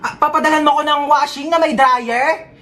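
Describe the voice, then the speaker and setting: A woman acting out short comic skits, jumping between characters in a lively way. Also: sits high, normal speed. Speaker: comedy skit creator. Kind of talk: comic skits playing several roles.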